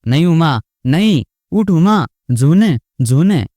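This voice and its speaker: A man's voice: on the high side, very animated, unhurried, darkish tone, no room sound, clean studio sound. A man voicing a grieving old husband who pleads in a choked, trembling voice.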